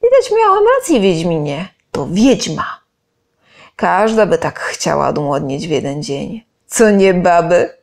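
A woman voicing a brutal, loud male ex-soldier who jeers and shouts at a mob, in a read-aloud story. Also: lowish voice, very animated, measured pace. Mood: mocking. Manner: jeering, shouting, mocking.

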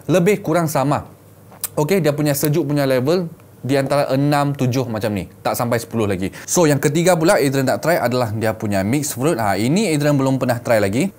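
A man's voice: mid-range voice, fairly quick, darkish tone. A man in his thirties with a Malaysian accent, reviewing products in a casual, colloquial vlog style, often repeating himself and addressing viewers as friends. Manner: colloquial, repeats phrases, talks to viewers as 'guys' and 'gang'. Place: small indoor room set up as a gaming studio.

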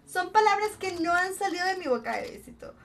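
Woman, Mexican accent, young adult, high-pitched, playful, teasing, game streamer. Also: expressive, a little fast, a bit bright. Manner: playful, teasing, greets viewers with pet names. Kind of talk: live-stream chat while gaming.

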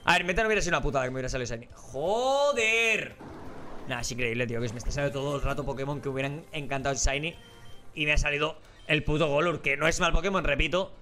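A man's voice: on the high side, very fast, bright, forceful tone, a little hiss or hum. A man giving casual, rambling gameplay commentary as a let's play host, joking and swearing casually.

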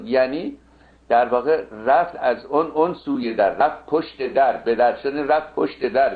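Exacting male lecturer, phone-like sound. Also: mid-range voice. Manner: exacting, corrects wording point by point. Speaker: lecturer on classical poetry. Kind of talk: lecture with slow chanted verse recitation.

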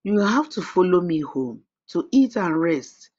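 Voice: very animated, a little slow, a little mellow, highs cut off. Cackling old forest witch, as a narrator puts her on. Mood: coaxing. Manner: cackling, menacing, raised high voice.

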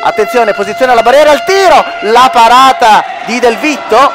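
A man giving excitable futsal play-by-play commentary, breaking into shouted goal calls as a match commentator. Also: very high voice, a little fast. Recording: music and crowd noise behind. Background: music, sports hall crowd.

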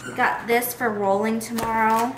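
A woman's voice: a little high, level tone, moderate pace. A woman in her thirties chatting to camera in a home kitchen in a bubbly, gushing way. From United States. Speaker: lifestyle vlogger. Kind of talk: casual chat to camera. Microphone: camera mic at close range. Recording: echoey kitchen, faint noise.

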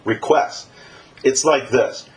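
A man preaching a sermon to his congregation, in an animated and emphatic style. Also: slow. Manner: animated, emphatic preaching with lively pitch swings.

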